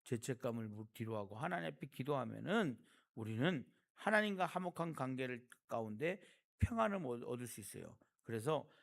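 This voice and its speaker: Gravelly Korean pastor preaching conversationally. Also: male voice, mid-range voice, very animated, brisk, few pauses. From South Korea. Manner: conversational preaching with rhetorical questions to the congregation. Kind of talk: sermon.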